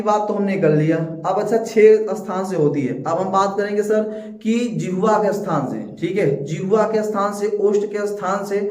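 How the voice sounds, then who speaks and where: A man with a high voice gives a lecture, asking questions and answering them himself, repeating every point. He stands away from the microphone in a bare, echoing room. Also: a little mellow. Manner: repetitive, asks and answers his own questions. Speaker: teacher. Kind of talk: classroom lecture. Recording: echoey room, distant mic.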